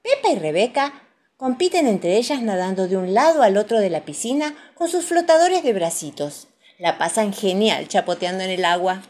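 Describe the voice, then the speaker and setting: An Argentine woman narrating children's stories with a soft, expressive reading voice. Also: mid-range voice, normal speed. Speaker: storyteller.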